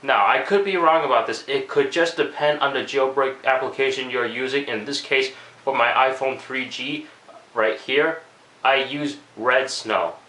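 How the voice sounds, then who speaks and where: A man's voice: mid-range voice, normal speed, sharp tone, reverberant, poor audio. A man with a cold and a cracking voice, rambling casually through a video commentary with lots of fillers. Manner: rambling, many fillers and restarts. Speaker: tech vlogger.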